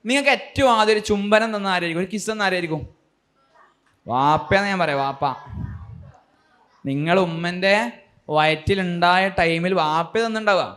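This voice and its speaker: A man speaks to a school audience in a fairly high voice. He keeps asking his listeners questions and drives his points home with animated emphasis. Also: normal speed, long pauses. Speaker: speaker addressing students. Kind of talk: motivational talk to a school audience.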